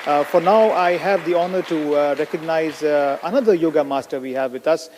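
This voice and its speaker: Polite moderator, faint crowd behind. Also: male voice, fairly high pitch, a little fast. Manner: polite, with fillers. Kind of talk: formal introductions. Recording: hall reverb with faint crowd and noise.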